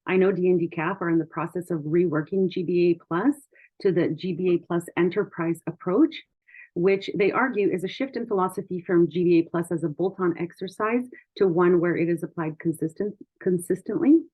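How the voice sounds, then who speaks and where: Woman, panelist, formal, measured, prepared remarks, tinny phone-like sound. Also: lowish voice.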